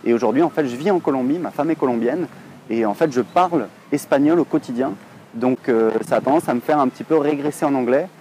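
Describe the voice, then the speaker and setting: A man's voice: mid-range voice, fast, warm tone, slight background noise. A French man in his thirties talking casually to camera, chatty and rambling with many hesitations. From France. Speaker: online English teacher, blogger.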